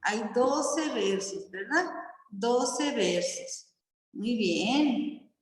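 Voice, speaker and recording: Woman teacher, slow patient explaining, rather high voice, echoey classroom, long reverb, checks in with questions. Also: lively intonation. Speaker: primary school teacher. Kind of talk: classroom lesson on poetry.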